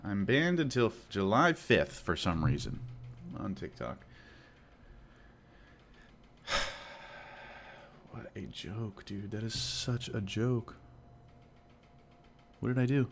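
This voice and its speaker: A man's voice: lowish voice, lively intonation, unhurried, a little hiss or hum. A man streaming live as a day trader, muttering and grumbling to himself with sarcastic asides as he trades. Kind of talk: live-stream commentary while trading.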